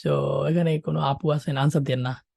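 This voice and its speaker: A man's voice: on the high side, moderate pace, gravelly, no room sound, clean studio sound. Joking male teacher. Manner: joking, animated, keeps checking with listeners. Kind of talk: online exam-prep lesson.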